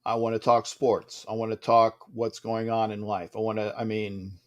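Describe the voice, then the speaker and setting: A sports talk host with a low-leaning voice and a completely flat delivery speaks on a live stream. He is upset and subdued, talking softly while stuttering, restarting often and fading into pauses.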